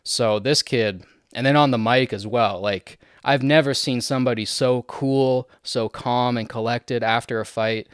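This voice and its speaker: A young man from Canada giving a casual, chatty breakdown of recent fights, laughing often and filling pauses with "you know" and "uh". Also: mid-range voice, fairly even intonation, clean tone, dry recording, clean studio sound. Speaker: MMA fight commentator.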